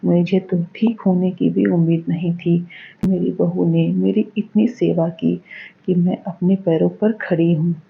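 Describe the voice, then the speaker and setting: Cartoon role: woman voicing an older mother-in-law, husky and slow. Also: on the low side, flat delivery, exaggerated voice. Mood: remorseful. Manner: commanding, emphatic. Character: older mother-in-law, stern then tender. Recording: dull lo-fi recording.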